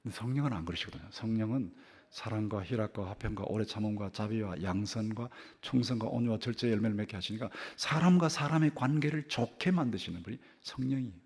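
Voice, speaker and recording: In a church sanctuary, an older man serving as pastor delivers a sermon built around an animated story, full of repetition and sudden swings in volume and pitch. He talks fast in a fairly low voice with a breathy edge.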